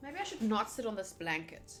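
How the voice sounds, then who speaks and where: This game streamer, a young American woman, is very animated as she reads a visual novel aloud and jokes around casually. Her mid-range, fairly bright voice runs a little fast, with game music playing underneath.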